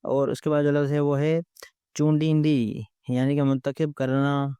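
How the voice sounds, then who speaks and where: Man teaching, dark smooth voice. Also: a little high, little pitch movement, dry recording. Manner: explains word meanings, repeating "yani ke". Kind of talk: vocabulary lesson.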